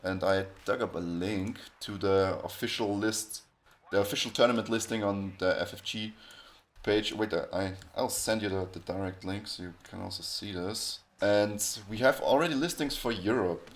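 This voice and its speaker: Rambling low-voiced podcast host, man. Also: moderate pace. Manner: rambling, frequent restarts and self-corrections. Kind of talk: casual podcast chat.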